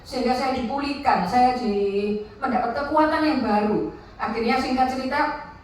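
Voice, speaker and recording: A woman's voice: sits high, moderate pace, slight background noise. Echoey woman giving testimony. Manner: candid, mixing in Javanese asides. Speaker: testimony speaker at a women's fellowship meeting. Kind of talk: personal testimony. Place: hotel function room. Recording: echoey room, distant mic.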